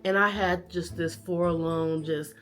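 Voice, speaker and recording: A woman vlogger casually telling a childhood story to camera, animated and acting out family members' lines. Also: on the low side, slow pace, faint music behind.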